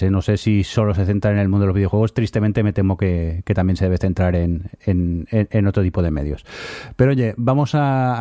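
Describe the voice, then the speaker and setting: Low mellow man hosting a podcast. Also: dry recording, clean studio sound. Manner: relaxed, joking, hands turns to others. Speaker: podcast host. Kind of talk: casual podcast discussion.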